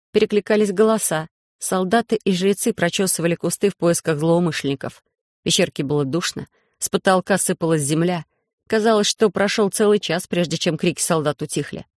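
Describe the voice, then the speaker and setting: An audiobook narrator reading a children's adventure story in a steady, measured way. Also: mid-range voice, dry recording, clean studio sound. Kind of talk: scripted narration.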